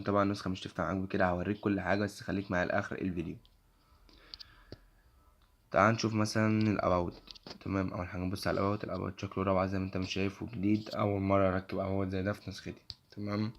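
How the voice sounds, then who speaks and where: A young man with an Egyptian accent and a worn, hoarse voice walks through an app on screen, quickly asking "okay?" after nearly every phrase. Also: low voice, little pitch movement, slight background noise. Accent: Egyptian Arabic. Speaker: tech channel host. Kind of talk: casual screen-recording walkthrough.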